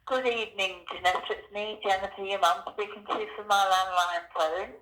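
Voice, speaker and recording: A woman's voice: medium pitch, steady tone, moderate pace, a bit bright, echoey room, poor audio. An older woman leaving a formal, repetitive voicemail, heard played back over a landline phone. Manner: formal, repetitive, announces herself by name. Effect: voicemail message played over a landline phone.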